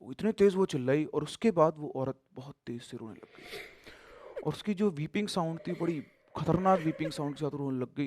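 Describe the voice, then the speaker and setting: A man with a medium-pitched voice tells a horror story casually and with lots of animation, mixing in English words. He swings between loud suspense and hushed tones, and there's no room sound.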